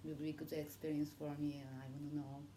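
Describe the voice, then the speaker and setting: Woman, audience questioner, deep mellow voice, informal wording, faint noise. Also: monotone, fast talker. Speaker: audience member asking a question.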